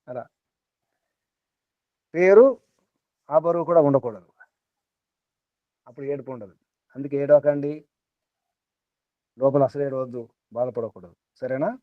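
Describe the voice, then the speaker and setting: A man's voice: medium pitch, unhurried, long pauses, dry recording. A man teaching a small group in a spiritual talk, repeating his points and asking rhetorical questions. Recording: tinny phone-like dry sound.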